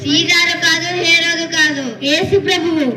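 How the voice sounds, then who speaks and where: A woman's voice: very high-pitched, steady tone, moderate pace. A woman playing an earnest disciple. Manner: earnest, scolding. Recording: distant mic, music behind.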